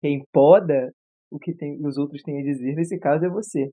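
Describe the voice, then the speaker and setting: A man's voice: on the high side, fairly even intonation, moderate pace, warm tone. A man co-hosting a podcast who teases his partner in casual banter. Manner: teasing. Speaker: podcast co-host.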